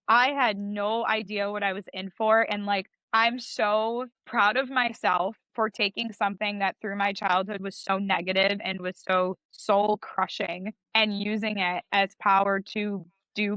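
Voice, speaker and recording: A woman's voice: mid-range voice, bright, forceful tone, clean tone, no room sound. A young woman, a judge and coach, talking in a chatty, emphatic way in a casual interview. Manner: chatty and emphatic, heavy use of "like".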